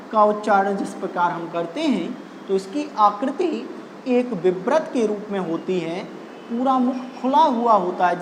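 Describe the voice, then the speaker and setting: Female tutor, unhurried exam-prep explainer, reverberant room with a long tail. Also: medium pitch, a little hiss or hum. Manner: slow, deliberate explaining with pauses. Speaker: Hindi grammar teacher.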